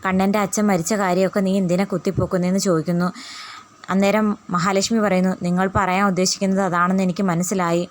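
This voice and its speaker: A woman's voice: medium pitch, a little mellow. A woman casually retelling a TV serial episode, quoting the characters' lines with frequent fillers and restarts. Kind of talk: casual spoken recap of a TV serial.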